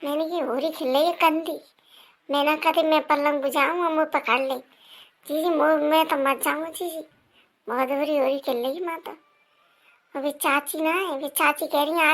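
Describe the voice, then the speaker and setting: A chatty village woman from a cartoon, voiced by a woman, gossiping in a casual, colloquial way. The voice is very high, bright and piercing.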